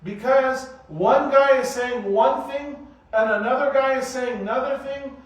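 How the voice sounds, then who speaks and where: Man in his 40s, high voice, animated mosque lecturer; recorded far off in a very echoey hall. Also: unhurried. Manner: animated, asks rhetorical questions. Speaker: mosque teacher giving a weekly study circle. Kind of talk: sermon-style lecture.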